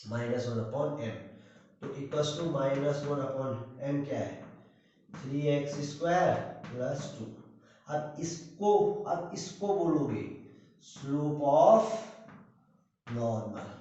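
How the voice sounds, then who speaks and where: A man's voice: a little high, darkish tone. A man teaching a maths lesson, who keeps asking rhetorical questions and repeating that his students should pay attention. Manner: asks rhetorical questions, repeats "dhyan dena"; slow, drawn-out explaining. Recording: echoey room, distant dull mic.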